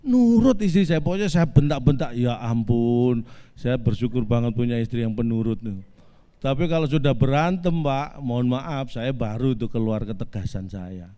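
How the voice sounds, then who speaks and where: A man in his forties telling a deadpan comic monologue, addressing the audience politely and spinning absurd twists with a straight face. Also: mid-range voice, normal speed, clear, resonant tone. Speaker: stand-up comedian. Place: virtual family gathering.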